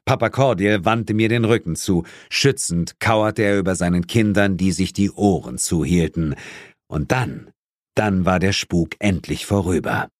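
A man narrating an audiobook in an expressive, dramatic first-person style, recorded close in a studio. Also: low voice, measured pace, no room sound.

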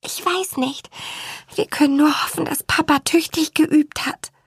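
A woman voicing a sensible young girl who speaks softly and anxiously. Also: high voice, measured pace, gravelly, dry recording, studio quality, pitched above the performer's own voice. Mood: worried. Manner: soft and hushed.

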